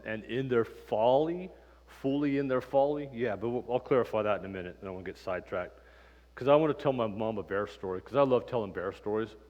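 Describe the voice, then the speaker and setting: A man leads a relaxed Bible class, his slightly low voice filling a church room that rings on after each phrase. He talks conversationally, full of ums and side stories. The reverb lingers in the space around him. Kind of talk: casual Bible lesson with personal storytelling.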